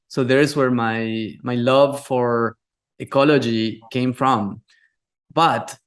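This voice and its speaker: Founder guest, man, clear smooth tone, relaxed storyteller. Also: mid-range voice. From Argentina. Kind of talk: interview storytelling.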